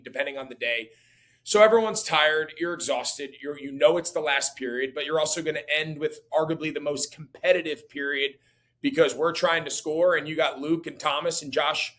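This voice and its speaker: A man in his forties, a former player guest, talking casually with lots of fillers and restarts. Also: fairly high pitch. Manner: relaxed, full of fillers and restarts. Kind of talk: casual conversation.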